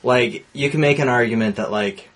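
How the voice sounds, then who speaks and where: A man in a casual movie discussion, giving measured, hedged opinions. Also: medium pitch, fairly bright tone. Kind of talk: casual movie podcast chat.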